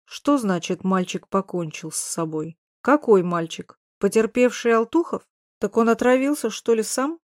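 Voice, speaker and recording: A woman narrator voicing a slow-witted male police investigator who asks blunt, puzzled questions, in an audiobook. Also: fairly high pitch, no echo, clean studio sound, close to an everyday voice. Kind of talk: audiobook dialogue reading.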